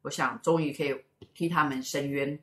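A middle-aged woman tells a story in a relaxed, casual chat. Her voice sits low for a woman, and she rambles with fillers and repeated words. The recording has a noticeably roomy echo. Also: moderate pace, a little hiss or hum. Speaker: co-host and spiritual teacher.

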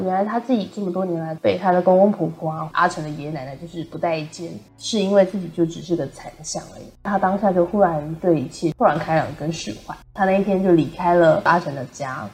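A woman co-hosting a book discussion podcast, softly retelling a story and quoting its characters. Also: fairly low pitch. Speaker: podcast co-host.

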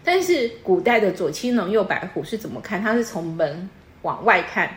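This is a woman's mid-range, sing-song voice at a moderate pace, recorded in a room with noticeable echo. Chatting casually, she patiently teaches a guest about customs and keeps quizzing her like a teacher would.

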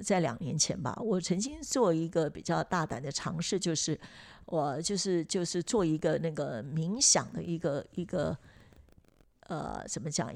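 Gravelly-voiced woman chatting reflectively. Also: low voice, darkish tone. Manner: reflective, chatty, many fillers and restarts. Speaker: podcast host. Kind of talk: casual chat.

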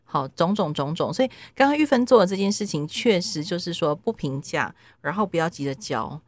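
Woman host, low voice, dry sound, animated and checks for agreement. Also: brisk, dry recording. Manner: animated, seeks agreement from listeners. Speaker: podcast host. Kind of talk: casual chat.

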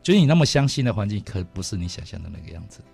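Fast-talking Taiwanese Mandarin radio host. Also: male voice, low voice, vocal fry, slightly rough, soft background music. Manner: fast, animated storytelling with laughs. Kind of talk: casual radio chat. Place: radio studio.

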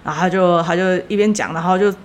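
A woman's voice: on the low side, steady tone, fast talker. A young woman, telling a story casually as a podcast host, rambling with lots of fillers and self-corrections.

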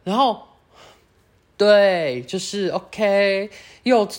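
A high-school-aged speaker with a Taiwanese Mandarin accent, hosting a casual solo chat that rambles and keeps correcting itself. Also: animated, drawn-out words. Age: late teens. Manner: rambling, self-correcting, chatty. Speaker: podcast host.

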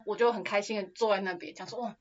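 A young woman with a Taiwanese Mandarin accent, co-hosting a casual podcast, telling an animated story and acting out quotes with frequent laughter. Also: mid-range voice, quick pace. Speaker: podcast co-host. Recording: dull lo-fi audio.

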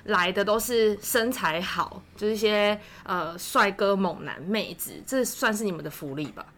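A woman's voice: medium pitch, normal speed, a bit bright. A woman hosting a casual chat, asking curious questions and reacting briefly. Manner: curious, reacting with short exclamations. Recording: faint background noise.

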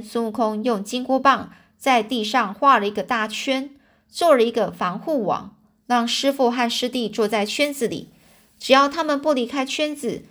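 A woman's voice: fairly high pitch, fairly bright tone. A woman reading a children's storybook aloud, stopping to explain words in a chatty way.

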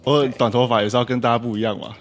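A woman's voice: extremely low pitch, steady tone, rapid-fire, soft background music. A woman co-hosting a podcast, making teasing, dry quips. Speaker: podcast co-host. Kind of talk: casual chat.

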